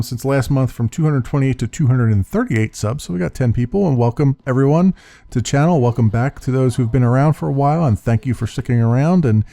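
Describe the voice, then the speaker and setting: Recorded with no echo on a USB desktop condenser mic, this YouTube gaming host has a deep voice and stumbles through a rambling channel update with frequent uhs and restarts. Soft music plays behind him.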